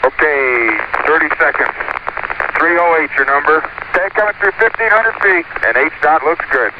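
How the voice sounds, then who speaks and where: A man's voice: fairly high pitch, lively intonation, normal speed, muffled recording. A man giving clipped technical call-outs over a space mission radio transmission, heard distant in an archival recording.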